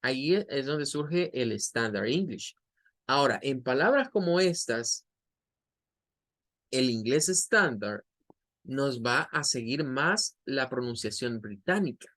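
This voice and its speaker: A man with a Latin American Spanish accent, teaching an English class and slowly repeating words to model their pronunciation. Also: medium pitch, animated, fairly bright tone. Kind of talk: online class explanation.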